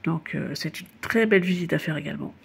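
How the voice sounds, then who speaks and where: A fast-talking woman from Paris, France, with a low, husky voice and vocal fry narrates a guided city tour. She speaks casually to the listener, keeps things chatty and informal, and laughs at her own slips.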